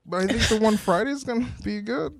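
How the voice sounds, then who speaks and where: A man co-hosting a casual dating podcast, talking in halting, self-conscious bursts full of restarts. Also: high voice, vocal fry. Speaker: podcast co-host. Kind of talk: casual chat.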